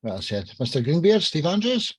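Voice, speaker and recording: A man's voice: a little high, big pitch swings, normal speed, a little mellow, breathy edge. A man hosting a podcast, thanking guests with repeated "well said" and calling on the next by name. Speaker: podcast host. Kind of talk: hosting a video-call podcast.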